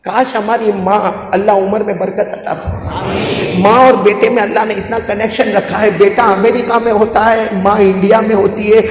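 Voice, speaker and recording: A man preaching an emotional story sermon, swinging dramatically between hushed tones and shouting. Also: high-pitched, flat delivery, normal speed, a crowd in the background. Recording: echoey hall with faint noise.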